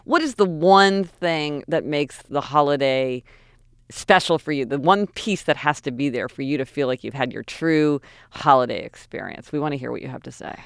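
A woman's voice: low voice, normal speed, gravelly, clear, resonant tone, no room sound, studio quality. An American woman co-hosting a casual podcast, enthusiastic and often restarting her phrases. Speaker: podcast co-host.

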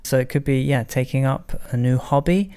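A man's voice: mid-range voice, moderate pace, warm tone, smooth. A man hosting an educational language podcast in a chatty way, mostly in English with the odd slip into Spanglish.

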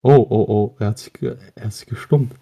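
A teenage boy from Russia hosts a loose chat among friends. His voice is dark and mellow, and he keeps the talk slangy, teasing and full of jokes. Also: lowish voice, fairly even intonation, brisk, gravelly, husky. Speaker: podcast co-host.

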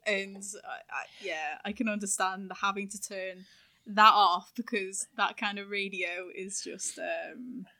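A woman's voice: medium pitch, steady tone, unhurried, pushed and bright. A woman from the United Kingdom, a streamer, chatting frankly as a podcast guest and swearing freely. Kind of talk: casual chat.

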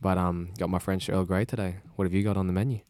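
A young Australian man co-hosts a podcast, chatting casually, rambling a bit and laughing often. His low, darkish voice stays steady at a quick pace, captured on a podcast microphone with clean, dry studio sound.

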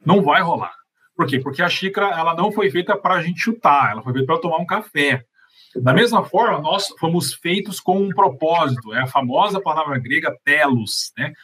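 A Brazilian man with a fairly high, somewhat raspy voice speaks as a panelist on faith. He teaches conversationally, explaining his points step by step with everyday examples. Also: lively intonation, a little fast, pushed and bright. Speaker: panelist answering questions on faith.

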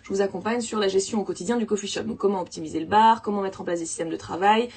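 A woman with a husky, slightly gravelly voice talks through a casual instructional podcast about coffee. She explains step by step and pauses on fillers as she works out details. She sits a little back from the mic. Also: medium pitch, darkish tone. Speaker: coffee consultant and podcast host.

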